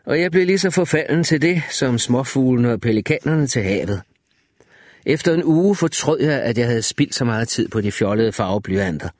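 A man narrating an audiobook story in the first person, with an expressive storytelling delivery. His pitch moves in a lively way across phrases. The reading is recorded dry and close, with no room sound. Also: dry recording.

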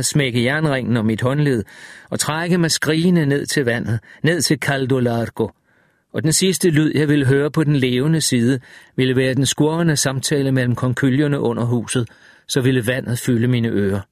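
A man reading a first-person horror story aloud in a tense, measured way. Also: medium pitch, no echo, clean studio sound. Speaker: audiobook narrator. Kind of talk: first-person audiobook narration.

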